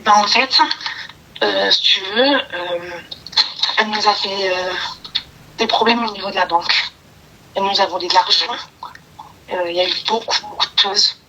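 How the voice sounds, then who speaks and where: A woman calling in to a live show, talking hesitantly with many pauses. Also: mid-range voice, sharp tone, slight background noise. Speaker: caller. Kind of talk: phone call to a live show. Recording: phone line with clicks.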